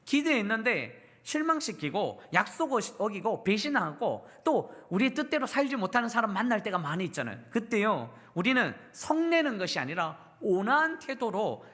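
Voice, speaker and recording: A woman pastor preaches to her congregation with a lively, rising and falling voice of middle pitch. She asks the room questions and leads them in repeating lines back. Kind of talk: sermon. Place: church service.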